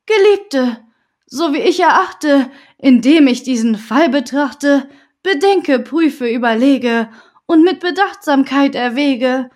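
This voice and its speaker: A puffed-up, long-winded male village official from a storybook verse tale, as a woman reader puts him on, speaking in a lofty, solemn tone that climbs well above her usual voice. He lingers over each weighty phrase at a slow, deliberate pace. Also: sits high, darkish tone.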